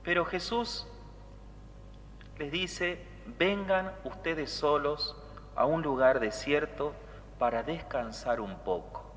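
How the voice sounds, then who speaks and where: Bright-voiced priest preaching in cathedral echo. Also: male voice, fairly high pitch, takes it slowly, a little hiss or hum. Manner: conversational preaching, often adds a questioning tag. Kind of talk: homily. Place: large church. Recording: long church reverb.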